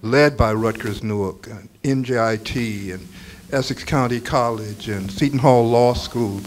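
An older man, a book author on a panel, answers audience questions with deliberate, self-correcting speech and frequent fillers into a handheld mic in a crowded room. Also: mid-range voice, a little hiss or hum. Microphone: handheld microphone.

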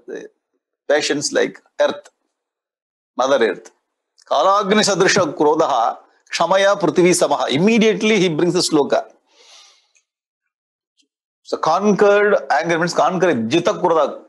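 A man in his sixties with a South Indian accent and a husky voice, lecturing on scripture as a spiritual teacher in a conversational way, often repeating phrases. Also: on the high side, poor audio. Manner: conversational, repeats phrases, explains with everyday examples. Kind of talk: lecture explaining Sanskrit scripture. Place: indoor studio in front of a display board. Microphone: lapel mic.

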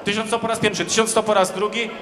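A man's voice: high-pitched, level tone, fast, fairly bright tone. A man working as an auctioneer, calling bids in a repetitive chant over a hall PA. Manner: auctioneer's chant, repeated bid calls. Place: large indoor sports hall, on stage. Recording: echoey hall PA with crowd noise.

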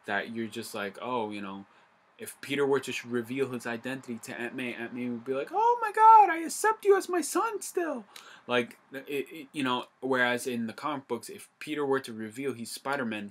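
A young man talks through a film in a loose, excited video review. His voice is bright and forceful, and he rambles, restarts his sentences and swears casually along the way. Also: mid-range voice. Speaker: movie reviewer.

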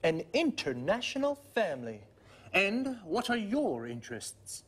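A man playing a friendly TV presenter introduces guests in a studio-style English lesson. He speaks slowly and very clearly, with lively, rising and falling pitch. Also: exaggerated voice. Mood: cheerful. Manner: slow, clear, lively intonation. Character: friendly male TV presenter Eric. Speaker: TV presenter in a language course. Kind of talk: scripted beginner English lesson dialogue.

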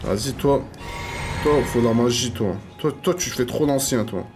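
A man giving live gameplay commentary, slangy and excitable, swearing and trash-talking enemies and repeating phrases. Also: mid-range voice, a little fast, music in the background. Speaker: gaming YouTuber.

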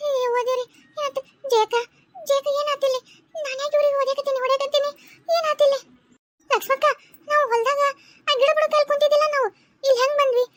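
A woman's voice: very high-pitched, steady tone, brisk, long pauses, no echo, clean studio sound. Woman voicing a bewildered young village wife. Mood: confused. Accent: North Karnataka Kannada. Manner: plaintive, questioning. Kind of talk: cartoon voice acting.

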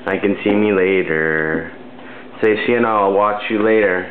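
A man's voice: deep voice, a little slow. A man filming a home video with a camcorder, talking playfully and coaxing a child; the sound is old camcorder audio. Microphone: built-in camcorder mic. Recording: tinny lo-fi camcorder audio with hiss.

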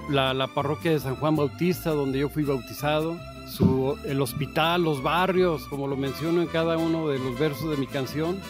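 An older man from Jalisco with a Mexican accent, a songwriter talking earnestly in a casual interview, full of restarts, seated outdoors in a garden. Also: fairly high pitch. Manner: earnest, halting with many restarts. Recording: music playing behind.

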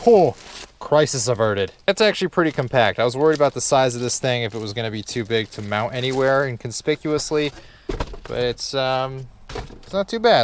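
Working on a car installation in a driveway, this vlogger offers relaxed, practical commentary laced with deadpan sarcasm and a few curses. His voice sits at a medium pitch. There is a little background noise.

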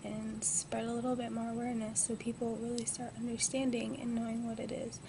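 A young woman of twenty speaks in a groggy, subdued way, slightly high-pitched with a creaky edge. Her delivery stays flat, like someone chatting casually to a vlog camera from bed. The amateur webcam audio has clear noise. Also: brisk. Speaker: vlogger. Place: lying in a hospital bed indoors. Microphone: built-in device mic at close range.

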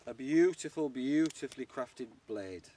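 A man's voice: mid-range voice, expressive, unhurried, warm tone. Man muttering casual outdoor vlog commentary, background noise. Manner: short, clipped, understated remarks while busy with tasks. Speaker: outdoor camping vlogger. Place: outdoors in woodland among ruined brick walls.

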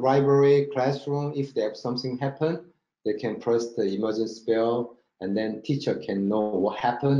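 Here a company marketing director with a Korean accent delivers a slide-based product presentation in a webinar with screen share. His mellow voice sits on the low side, and his non-native English is halting, with frequent check-in words. Recorded in an indoor room, the sound is roomy and dull.

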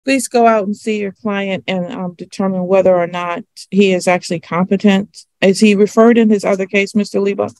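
A middle-aged woman speaks as a judge in a hearing. Her mid-pitched voice is formal and firm, with halting pauses. The sound is dry, with little room in it. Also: fairly even intonation, a little mellow, no echo. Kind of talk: presiding over a court hearing. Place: courtroom, video call.

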